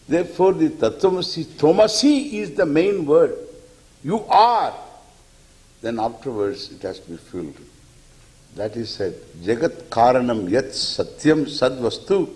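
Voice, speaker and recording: Animated man teaching scripture. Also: fairly high pitch, rough recording. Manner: animated storyteller, chuckles often, recites Sanskrit verses. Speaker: spiritual teacher. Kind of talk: lecture on scripture.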